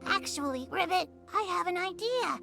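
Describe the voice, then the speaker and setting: A woman voicing a timid, chatty little frog-like vendor in a game, punctuating her sentences with a croaking "ribbit". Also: extremely high pitch, lively intonation, normal speed, heavily acted. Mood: chatty, earnest. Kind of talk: scripted game dialogue. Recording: game music behind.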